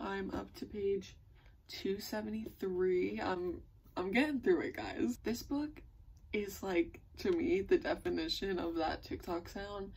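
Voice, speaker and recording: A woman's voice: medium pitch, creaky, darkish tone, breathy edge. A woman vlogger chatting casually and gushing to her viewers, with plenty of likes and ums. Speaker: book vlogger. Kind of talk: casual chat.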